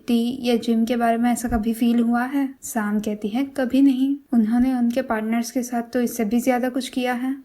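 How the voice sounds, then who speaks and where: A woman retelling a drama episode, reading every character's lines in one steady voice. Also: on the high side. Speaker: series recap narrator. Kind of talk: retelling a drama with quoted dialogue.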